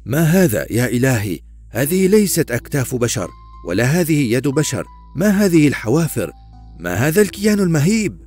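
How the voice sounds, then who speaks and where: A man voicing a hot-tempered, fearless male knight who speaks in loud, angry bursts. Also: mid-range voice, sing-song, fast, faint music behind. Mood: shocked. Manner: angry, shouting in defiance.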